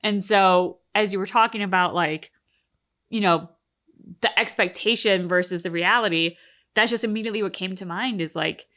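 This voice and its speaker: As co-host of a reaction channel, a woman talks in a casual, reflective way, earnest and chatty, sprinkling in "like" and "right" and swearing offhandedly. Her voice has a medium pitch, normal speed, and a sharp tone.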